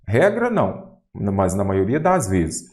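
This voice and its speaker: Male teacher, low and very animated, exam-prep lesson style. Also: slow pace. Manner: lively, quizzes the viewer with rhetorical questions. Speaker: Portuguese grammar teacher.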